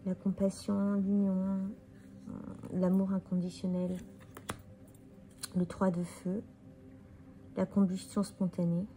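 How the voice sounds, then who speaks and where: A woman's voice: medium pitch, completely flat delivery, slow, long pauses, mellow, a little hiss or hum. A tired woman casually musing aloud as she turns over and presents tarot cards. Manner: musing, thinking aloud while turning cards. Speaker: tarot card reader presenting a deck. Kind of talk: casual deck walkthrough.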